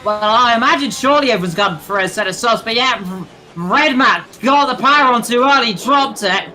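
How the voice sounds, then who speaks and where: Young man, sim racing commentator, excitable, bright voice. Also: very high voice, fairly quick, slight background noise. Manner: excitable, shouts at incidents, chatty. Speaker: race commentator.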